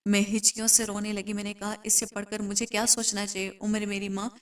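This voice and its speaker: A woman narrating a first-person story in an even, steady way, including the quoted dialogue. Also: mid-range voice, far from the mic.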